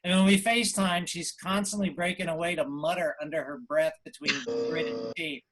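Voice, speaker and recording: A man's voice: a little high, normal speed, a bit bright. A middle-aged man hosting a comedy fundraiser on a video call, asking teasing questions and laughing at his own jokes. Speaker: host. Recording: noisy video call line.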